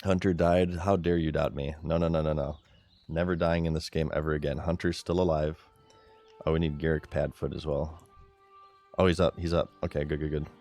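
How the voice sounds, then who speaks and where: Male streamer, deep voice, excitable chatty play-by-play with soft music underneath. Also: fairly quick. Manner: excitable, chatty, talks to his chat. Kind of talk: live gameplay commentary.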